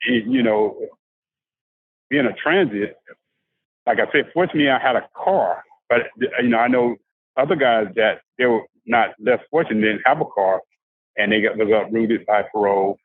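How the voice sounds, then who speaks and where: An older man from South Carolina, a guest talking about life after prison in a halting, casual way with many restarts. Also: on the low side, husky, dry recording. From South Carolina, USA. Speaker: formerly incarcerated guest. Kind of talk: casual conversational interview. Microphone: handheld phone on a video call. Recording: dry, tinny phone-like video call audio.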